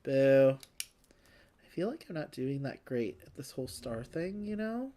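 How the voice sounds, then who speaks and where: A woman's voice: low voice, very animated, unhurried, warm tone, slight background noise. A woman hosting a casual board game play-along, chatty and self-deprecating, thinking aloud as she goes. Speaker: host.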